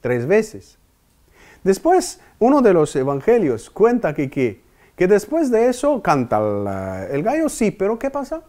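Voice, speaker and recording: A man's voice: high-pitched, wildly swooping pitch, unhurried, warm tone. A man preaching a meditation talk, asking his audience questions and speaking emphatically.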